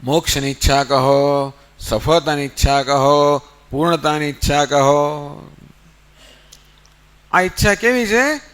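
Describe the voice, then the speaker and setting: Storytelling is at the heart of this Gita discourse by a spiritual teacher, who asks rhetorical questions, answers them himself, and counts slowly. His voice is a little high, with a fairly bright, clean tone.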